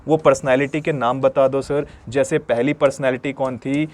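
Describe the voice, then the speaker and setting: A man's voice: medium pitch, fairly even intonation, moderate pace. A male teacher giving an exam-prep lesson. He quizzes his pupils, answers his own questions and repeats memory tricks, calling them "dear children". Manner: calls listeners "dear children".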